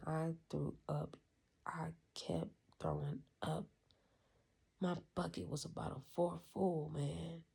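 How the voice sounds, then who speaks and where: A vlogger giving a candid, profane personal recap in a hushed, often half-whispered voice, reflective and frank. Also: medium pitch, creaky, slightly rough.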